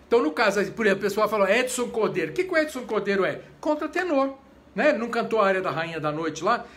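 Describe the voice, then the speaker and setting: A Brazilian conductor with a Brazilian Portuguese accent, giving a chatty, informal lecture on voice types. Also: male voice, sits high, fast talker. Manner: animated, chatty, breaks into short sung examples. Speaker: conductor and voice teacher. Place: home during quarantine.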